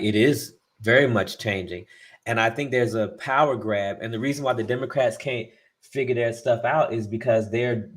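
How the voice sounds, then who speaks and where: A man co-hosting a casual talk show, giving his opinions and speeding up as he rants. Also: mid-range voice. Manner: opinionated, speeds up when ranting. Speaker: podcast co-host.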